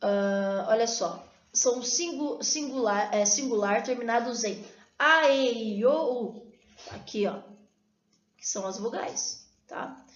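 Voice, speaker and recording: A woman's voice: on the high side, slow. A Brazilian woman teaching a recorded video lesson, explaining rules step by step and checking in with her students after each point. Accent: Brazilian Portuguese. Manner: explanatory, frequent checking tags. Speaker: Spanish teacher. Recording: echoey room, dull lo-fi sound.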